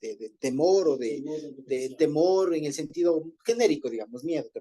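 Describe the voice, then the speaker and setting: A man's voice: on the high side, lively intonation, moderate pace, mellow. A man leading an informal group Bible study, explaining Hebrew words in a conversational way and often rephrasing himself.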